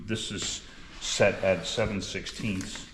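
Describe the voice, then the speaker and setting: A man's voice: sits low, steady tone, takes it slowly. A man demonstrating woodworking in a plainspoken, practical way, like a shop class teacher. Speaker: woodworker demonstrating cabinet making. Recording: echoey workshop, clear background noise.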